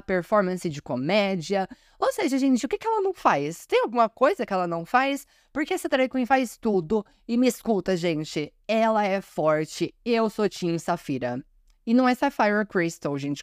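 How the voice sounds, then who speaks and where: A woman's voice: on the high side, clean tone, no echo, studio quality. A woman from Brazil hosting a podcast, chatting enthusiastically and often calling out to her listeners. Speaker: podcast host. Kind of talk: casual podcast commentary.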